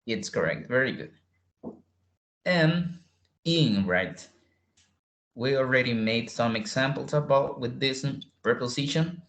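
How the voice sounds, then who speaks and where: Male tutor, unhurried, repeats vocabulary, checks students; roomy echo. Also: medium pitch, lively intonation, fairly bright tone. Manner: repeats words slowly, quizzes students. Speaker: English tutor. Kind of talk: online English lesson.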